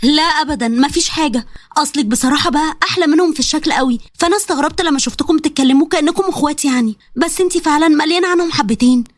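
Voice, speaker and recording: A woman's voice: high voice, very fast, no echo, clean studio sound, lightly acted. A woman doing a blunt nosy shopper. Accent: Egyptian Arabic.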